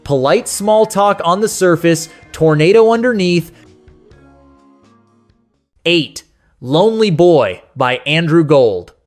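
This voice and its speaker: Taking it slowly with long pauses, a man with a somewhat high voice and lively intonation narrates a scripted nostalgic countdown. The delivery is folksy, conversational, and sentimental, and music plays in the background.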